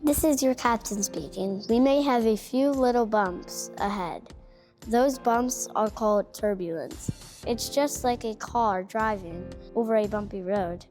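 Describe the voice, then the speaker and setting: A woman role-playing a pilot, making plane cabin announcements in a steady, playful, reassuring announcer manner. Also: a little high, measured pace, soft background music. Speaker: pretend airline pilot.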